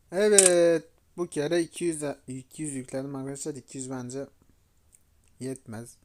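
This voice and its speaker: A man hosting a gaming channel, giving casual commentary, grumbling and pleading with the game in exasperation. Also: mid-range voice. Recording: loud background noise.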